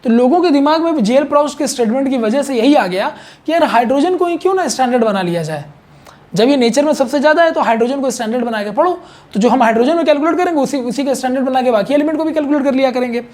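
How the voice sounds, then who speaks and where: A man's voice: very high-pitched, expressive, fast talker, a little mellow. A man teaching a chemistry lesson in a conversational, repetitive way, often checking in with his students. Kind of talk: explanatory online chemistry lesson.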